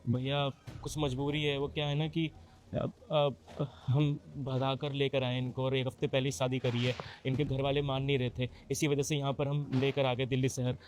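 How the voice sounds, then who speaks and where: A man's voice: mid-range voice, level tone, moderate pace, darkish tone, slight background noise, lightly acted. A man playing a poor young husband from a village who pleads humbly and speaks in a rustic way, in a scripted short drama. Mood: pleading.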